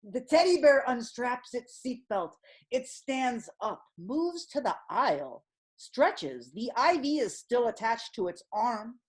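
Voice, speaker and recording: A woman reads the narration of a comic audio play in a deadpan, measured delivery. Her voice sits a little high and moves with lively rises and falls. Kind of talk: scripted narration.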